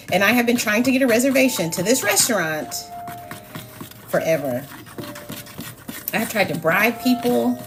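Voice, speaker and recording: A woman hosting a cooking livestream, chatting casually and laughing as she answers her viewers. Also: mid-range voice. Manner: chatty, laughing, talks to live chat. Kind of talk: casual chat while cooking.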